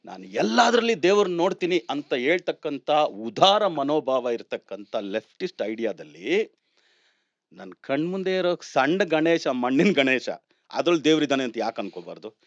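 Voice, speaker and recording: A man's voice: on the high side, very animated, moderate pace, dry recording, dull audio. A man explaining numerology as a guest on a talk show, speaking animatedly, laughing often and mixing in English words. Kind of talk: conversational explanation.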